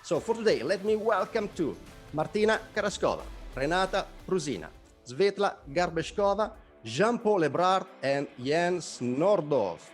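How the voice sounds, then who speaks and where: A man hosting a jury interview over a video call, upbeat and lively in his introductions. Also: high voice, moderate pace, faint music behind.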